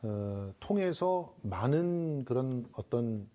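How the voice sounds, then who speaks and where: A man commenting on politics on a panel, speaking deliberately and analytically, stretching words around fillers. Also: mid-range voice, lively intonation, dark tone.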